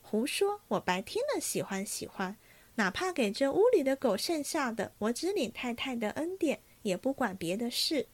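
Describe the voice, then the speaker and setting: A woman voicing an eager, cheerful young maid who talks in a lively, pleading way. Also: fairly high pitch, moderate pace, dry recording.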